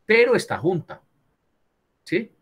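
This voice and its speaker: A man's voice: high-pitched, very animated, slow, breathy edge, muffled recording. A man teaching a writing class over a video call, correcting students and checking in with them often. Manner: corrects students, keeps asking "¿cierto?". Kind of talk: virtual class lesson on writing.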